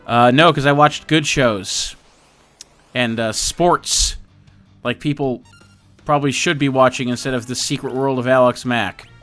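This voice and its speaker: A man voicing a loud, fed-up sidekick who complains in exasperated bursts, as an improvised comic character. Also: mid-range voice, steady tone, measured pace, faint music behind, lightly acted.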